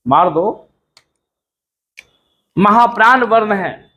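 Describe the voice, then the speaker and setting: Male classroom teacher from India, slow and high-pitched, drills students by repetition. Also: animated, bright, forceful tone. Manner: repetitive, drilling students to repeat sounds aloud. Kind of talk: classroom lecture.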